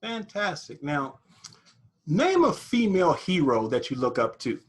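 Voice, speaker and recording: A man hosting a podcast interview, upbeat and animated as he introduces his guest. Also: on the high side, a little slow, husky. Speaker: podcast host.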